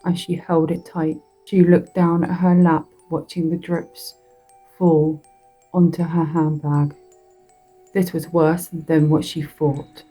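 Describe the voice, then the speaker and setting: A woman tells a horror story in a slow, deliberate reading that draws out its words. Her voice sits low, dark and husky. Faint music plays behind her. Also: little pitch movement, poor audio. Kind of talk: spoken horror story narration.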